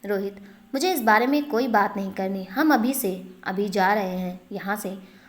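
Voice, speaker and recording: A woman's voice: mid-range voice, moderate pace, close to an everyday voice. Brief: woman narrator doing a short-fused young man who snaps. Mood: angry. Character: young man, jealous and hot-tempered.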